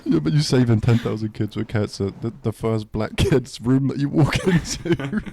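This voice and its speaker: A mellow, mid-range male voice with vocal fry co-hosts a casual podcast at normal speed. He laughs frequently, trips into restarting his sentences, and leans on slang.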